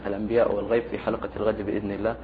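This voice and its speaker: Fast, even-toned man presenting in formal Standard Arabic. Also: lowish voice. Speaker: TV show host. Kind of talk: formal presenting of a religious programme. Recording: thin phone-like sound with faint noise.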